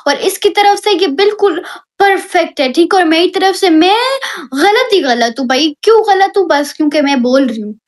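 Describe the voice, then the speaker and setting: Female live-stream host, very high pitch, heated and repetitive when she argues. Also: moderate pace, few pauses. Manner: animated, heated complaining; repeats herself for emphasis. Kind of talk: casual live-stream chat.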